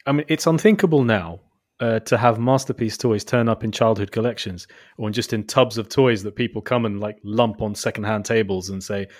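Low-voiced man, reflective. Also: a little fast, darkish tone, no room sound, clean studio sound. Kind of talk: casual chat about collectible toys.

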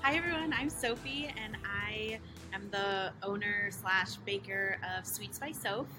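Over music and background noise, a young California woman with a mid-range voice talks a little slowly as a laid-back interview guest. She's a baker and small business owner from Costa Mesa who leans heavily on fillers like "you know" and "like."

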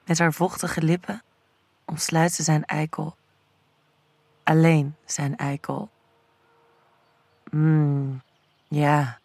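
A woman narrating a scripted erotic audio story in a slow, sensual storytelling manner. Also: deep voice, steady tone, gravelly, darkish tone, no room sound.

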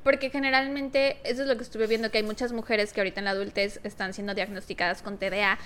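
A woman co-hosting a podcast in casual chat, chatty and quick to laugh. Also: mid-range voice, flat delivery, a bit bright, smooth. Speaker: podcast co-host.

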